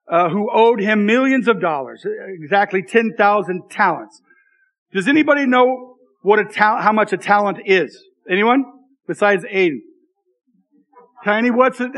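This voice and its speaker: High, bright-voiced man preaching to kids. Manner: asks the listeners questions and repeats key phrases. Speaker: children's church preacher. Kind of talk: interactive sermon for children.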